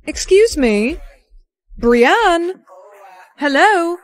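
A high, bright text-to-speech woman's voice reads a storytime tale. She takes every part in turn with a quick, flat, synthetic delivery.

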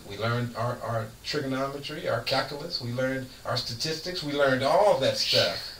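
A middle-aged radio host talks about faith in a folksy, emphatic, preachy style, laughing often. His medium-pitched, fairly bright voice is picked up from a distance in a roomy studio, off-mic with a faint hiss, at a moderate pace.

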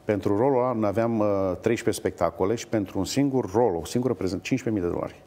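A middle-aged man, an opera singer, telling stories with hesitations in a TV interview. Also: lowish voice. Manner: animated anecdotes with hesitations. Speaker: guest, opera bass-baritone. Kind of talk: storytelling in a TV interview.

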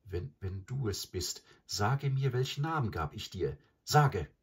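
Male narrator playing an older village woman, timid and trembling; lifted pitch, lively. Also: a little slow, slightly rough, full character voice. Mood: urgent. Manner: trembling, softly pleading. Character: gray-haired village woman, timid and tender. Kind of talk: audiobook character voice.

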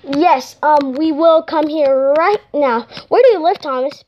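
A woman's voice: high voice, highs cut off. A woman playing a fussy police dispatcher. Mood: helpful. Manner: halting, with many fillers. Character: toy-play police dispatcher, fussy and helpful.

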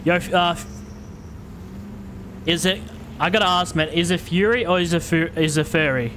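A man's voice: a little high, little pitch movement, moderate pace, a bit bright, a little hiss or hum. Chatty joking gaming streamer man. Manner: chatty, joking, stumbles and restarts. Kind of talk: casual gaming chat with teammates.

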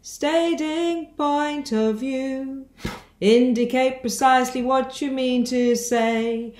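A woman's voice: sits high, steady tone, slow, a little mellow, echoey room. A woman of fifty, singing a song with joking asides in her home kitchen, recorded on a close-up home camera. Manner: jokey, breaks into song with asides. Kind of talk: playful singing and chat on a video call.

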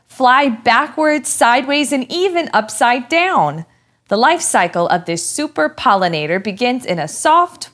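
A young woman playing a curious, cheerful student, reading aloud clearly and expressively in a scripted educational show. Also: fairly high pitch, a bit bright. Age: young adult.

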